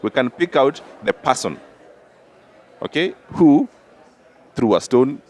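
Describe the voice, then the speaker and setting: A man's voice: mid-range voice, lively intonation, slow, a little mellow. A man co-hosting a political talk show, arguing emphatically and pressing his points with repeated checks like "all right?". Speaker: podcast co-host. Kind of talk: political debate.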